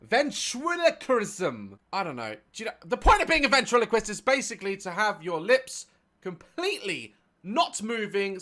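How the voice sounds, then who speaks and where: A man's voice: fairly high pitch, bright, forceful tone. A man hosting a casual reaction video from his home office, joking and laughing often. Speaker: YouTube reaction host.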